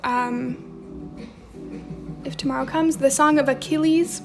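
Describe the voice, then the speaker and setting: A young woman with a slight Romanian accent hosts a journaling livestream, chatting casually as she reads viewer comments aloud and responds. Her high voice holds a steady tone at a measured pace. Faint music plays in the background.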